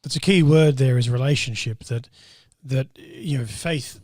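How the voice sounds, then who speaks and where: A man who is a priest co-hosting a podcast, speaking reflectively and haltingly, often repeating words. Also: medium pitch, darkish tone, no room sound, clean studio sound. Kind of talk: reflective conversation.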